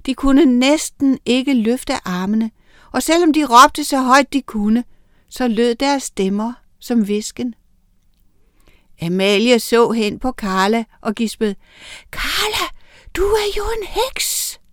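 A woman reading a children's story aloud in a lively, expressive way. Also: fairly high pitch, smooth, dry recording, clean studio sound.

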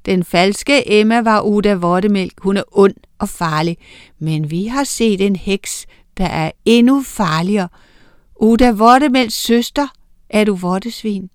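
A woman's voice: mid-range voice, clear, resonant tone, no room sound, clean studio sound, natural voice. A woman voicing a clever young girl in a children's story, explaining eagerly. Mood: earnest. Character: clever young girl who knows the witches.

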